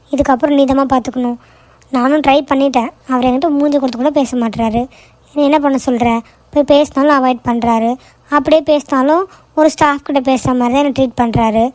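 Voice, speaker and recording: A woman's voice: high voice, a little mellow, no echo, close to an everyday voice. A woman voicing a frustrated young daughter in a cartoon, complaining in an exasperated, argumentative way. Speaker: daughter working in an office. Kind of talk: cartoon voice acting.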